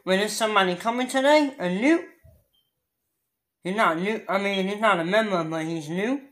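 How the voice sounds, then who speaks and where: A woman's voice: mid-range voice, moderate pace. A woman hosting an improvised comedy skit, exasperated and swearing a lot, repeating herself. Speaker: host of a homemade comedy skit show. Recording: loud background noise.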